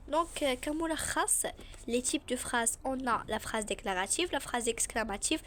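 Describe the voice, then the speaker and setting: A woman's voice: high-pitched, lively intonation, a bit bright, a little hiss or hum. Moroccan woman teaching French grammar. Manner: switches between French and Moroccan Arabic, repeats terms slowly. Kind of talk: explaining a grammar lesson.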